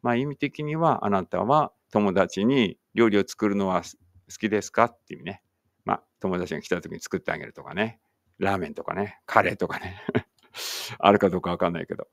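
A man's voice: low-pitched, brisk, gravelly, dry recording, clean studio sound. A man teaching an online English writing lesson, thinking aloud as he types and chatting encouragingly to students.

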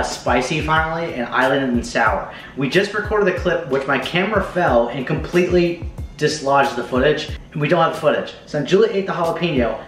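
Echoey, slangy young American man. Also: fairly high pitch. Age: young adult. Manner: slangy, swearing. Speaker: host of a challenge video. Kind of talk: casual vlog chat to camera. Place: home kitchen, indoors. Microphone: camera mic a few feet away. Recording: echoey kitchen, faint music behind.

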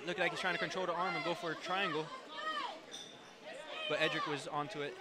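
A man's voice: a little high, steady tone, fairly quick. A man doing conversational live fight commentary, often repeating phrases as he builds a point. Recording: loud music and crowd noise behind. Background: loud music and crowd.

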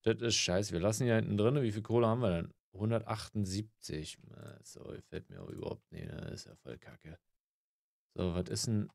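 A man's voice: lowish voice, very animated, brisk, creaky, a little mellow, no room sound, clean studio sound. A man giving casual gameplay commentary, grumbling and swearing, with mock-polite greetings to customers. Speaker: gaming let's player.

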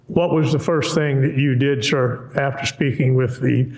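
A man's voice: medium pitch, steady tone, normal speed, darkish tone, reverberant, rough recording. A man questioning a witness in court, formal and polite, calling him sir, heard in a courtroom recording. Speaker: defense attorney questioning a witness.

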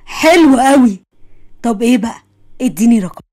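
A woman with an Egyptian accent voicing a scheming young man who woos softly with coaxing flattery. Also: fairly high pitch, normal speed. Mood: pleased. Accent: Egyptian Arabic. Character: smooth, scheming young male suitor.

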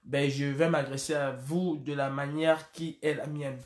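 A man, speaking to the camera in an impassioned, emphatic way. His voice sits somewhat high for a man. The room is echoey, and the camera mic is close. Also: fairly even intonation, unhurried. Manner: impassioned, emphatic, with frequent hesitations. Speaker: political commentator. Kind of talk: direct-to-camera address. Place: indoor room against a plain wall.

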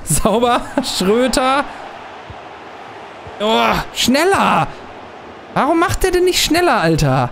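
Excitable young man commenting his football game. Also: very high voice, takes it slowly, vocal fry, long pauses, a little hiss or hum. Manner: excitable, swings from muttering to loud outbursts at plays. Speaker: gaming channel host. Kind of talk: casual commentary while playing a football video game.

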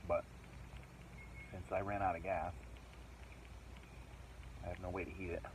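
A middle-aged man camps alone on a wooded island and vlogs casually, chatting and thinking aloud with rambling asides. His voice is low-pitched, flat and a little slow. Recorded on a phone camera held selfie-style or set down nearby, the outdoor audio is noisy, with birds and outdoor ambience around him.

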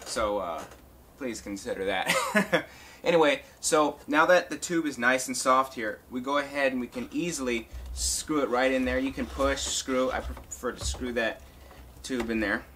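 Here the talk box tutorial host, a musician, sounds pushed and bright in a mid-range voice at a moderate pace. He talks to his "guys" and "folks" in a loose, informal way while demonstrating a hands-on process. A little hiss or hum is audible.

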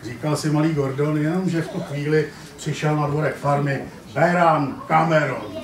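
A man narrating a puppet story for children, lively and theatrical. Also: on the high side, a crowd in the background. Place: family centre playroom, live puppet show. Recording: echoey room from far off, audience.

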